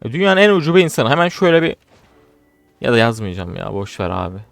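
A man's voice: mid-range voice, big pitch swings, fast talker, gravelly, dry recording, faint music behind. Frustrated young man commentating a game. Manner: frustrated, swings from muttering to shouting. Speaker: gaming streamer. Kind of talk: live gameplay commentary.

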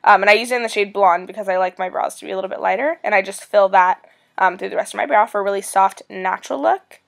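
Talking fast and upbeat, a young woman in her twenties walks viewers through a makeup tutorial as a beauty vlogger. She has a mid-range voice made raspy by a cold.

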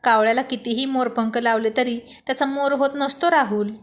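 A woman's voice: fairly high pitch, steady tone, natural voice. A woman reading Arjun, a teasing young man. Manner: teasing, quick comebacks. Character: witty teasing young man, gang leader.

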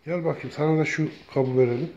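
A man talking casually to his cats, calling them over and over in a coaxing way and now and then gently scolding them. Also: a little high, fairly even intonation, quick pace, muffled recording. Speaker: cat feeder. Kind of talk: casual talk to pets.

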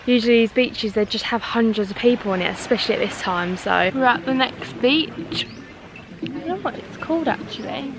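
A British travel vlogger in her twenties chats casually to a handheld camera held at arm's length. Her voice is fairly high and brisk, and background noise is present.

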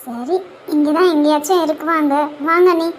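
A woman voicing a gentle, doting mother-in-law who fusses over the new bride in a cartoon. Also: sits high, moderate pace, a little hiss or hum, lightly acted. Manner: gentle, fussing.

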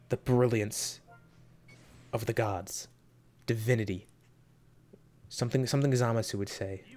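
A young man hosting a mobile game summoning video, talking casually to viewers and yelping with excitement between low muttered comments. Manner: excitable, jumps into high yelps when hyped, muttering between pulls. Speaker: gaming video host. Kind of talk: casual gacha summon reaction.

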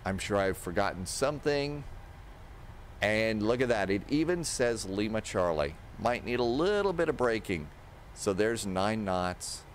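A man in his sixties with a low, unhurried delivery narrates a flight simulator session step by step, casually instructional and talking to himself. Steady simulated engine and cockpit noise sits behind his voice, captured by a close desk microphone in his indoor home streaming setup.

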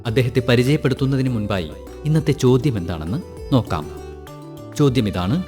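A man narrating a farm program in a measured, formal announcing manner. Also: fairly low pitch. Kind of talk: scripted radio feature narration.

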